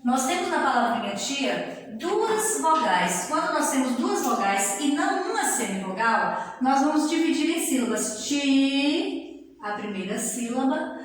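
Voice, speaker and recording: A woman, sounding middle-aged, teaches a grammar lesson in a fairly high voice. She stretches each syllable out slowly and keeps checking in with her students. The recording sits in a very echoey room with a long reverb tail. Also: sing-song, slight background noise. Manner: slow, drawn-out syllables with frequent check-in tags.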